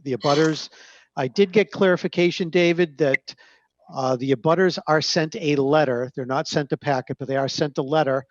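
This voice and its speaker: A man on a video call, presenting application documents to a zoning board page by page in a measured, hesitant way with frequent fillers. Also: a little high, no room sound. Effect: heard over a video call. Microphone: computer microphone on a video call. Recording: dull, narrow-band call audio.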